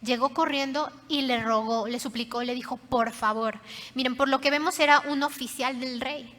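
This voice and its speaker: A woman pastor preaching a sermon, telling the story dramatically and often dropping to soft, hushed tones. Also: high voice, steady tone, normal speed. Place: church hall. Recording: reverberant church hall.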